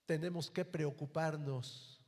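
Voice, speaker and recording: A man's voice: a little high, steady tone, takes it slowly, darkish tone. A man with a Mexican accent, a pastor preaching a sermon in a church, telling a story and then speaking earnestly and directly to parents and the congregation. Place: church hall. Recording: long hall reverb.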